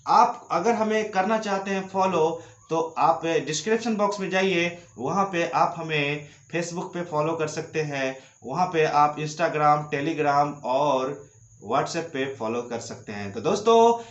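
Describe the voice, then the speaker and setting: A man teaching English pronunciation, explaining rules slowly and repeating each example word twice. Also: on the high side. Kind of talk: slow classroom-style explanation with drilled word repetition. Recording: echoey room, slightly dull lo-fi sound.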